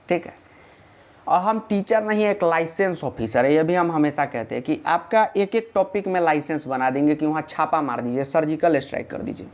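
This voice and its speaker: In a casual online video lesson, a man with a fairly high-pitched voice poses questions and then answers them himself. He jokes with his students and reassures them as he goes.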